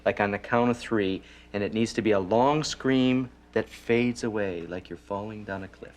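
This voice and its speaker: A man's voice: on the low side, normal speed. A man directing someone casually, coaxing and joking. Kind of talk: casual instruction. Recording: noisy room recording.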